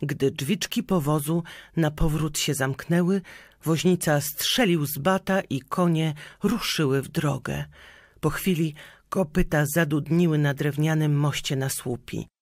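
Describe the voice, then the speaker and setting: A man narrating a local legend in a measured storytelling reading. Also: a little high, no room sound, clean studio sound.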